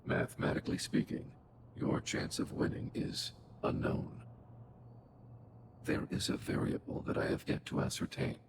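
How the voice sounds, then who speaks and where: A man voicing an old, logical, protective combat robot in a game, with formal, measured speech and robotic processing. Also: very noisy. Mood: calm, logical. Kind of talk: video game voice acting.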